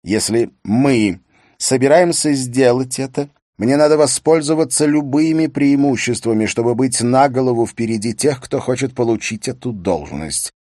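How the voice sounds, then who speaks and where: A man's voice: mid-range voice, moderate pace, darkish tone, no echo, clean studio sound, pitched above the performer's own voice, close to an everyday voice. A man voicing an ambitious middle-aged police chief who argues firmly and persuasively in a raised voice. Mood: insistent.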